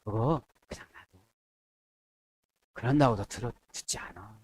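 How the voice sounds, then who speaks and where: A middle-aged man preaching a sermon as a pastor, checking in with his listeners and acting out quoted prayers in a softer, lower voice. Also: unhurried, slightly rough. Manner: asks the congregation "에?" to check agreement.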